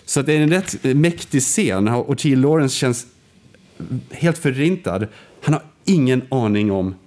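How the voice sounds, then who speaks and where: Guy telling a movie story in a relaxed chat, hesitant restarts, lively pitch. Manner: storytelling, acts out quoted lines with big pitch swings; hesitant, frequent restarts and fillers. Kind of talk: casual conversation about film and history.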